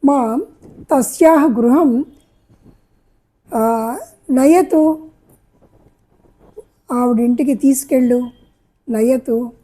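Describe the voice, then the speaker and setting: A woman's voice: sits high, drawn-out words, pauses often, dark tone. A woman teaching a spoken Sanskrit lesson, repeating each phrase and patiently explaining what it means.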